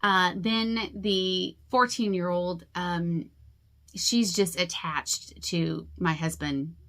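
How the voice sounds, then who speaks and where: A woman's voice: lowish voice, fairly even intonation, slow pace, fairly bright tone. Chatty 40-something lady vlogging to camera, rambles a bit, pokes fun at herself. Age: 40s. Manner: chatty, rambling, self-deprecating. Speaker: crafting vlogger. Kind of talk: casual talk to camera.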